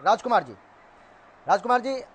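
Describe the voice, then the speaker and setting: A man anchoring a TV news debate, trying to calm both guests and repeating his pleas to get back on topic. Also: high voice, moderate pace, slight background noise. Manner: pleading, repeating phrases to restore order. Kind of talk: moderating a TV debate.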